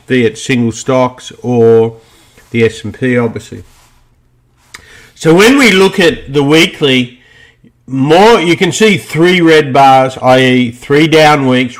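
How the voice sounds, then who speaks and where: A man's voice: mid-range voice, fairly bright tone. Rambling male trader walking through charts. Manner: loose, rambling, thinking aloud with fillers. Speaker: market analyst presenting charts. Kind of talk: screen-share chart walkthrough.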